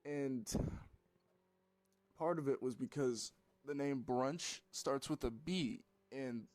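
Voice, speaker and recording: A man's voice: medium pitch, takes it slowly, darkish tone. A man, a gaming YouTuber, rambling through a casual story with loose swearing and plenty of fillers.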